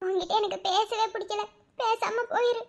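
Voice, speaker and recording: A woman's voice: very high-pitched, fairly even intonation, moderate pace. A woman voicing a grieving young widow in a cartoon, speaking with a Madurai Tamil accent, wailing one moment and scolding sharply the next. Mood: angry. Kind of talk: cartoon voice acting.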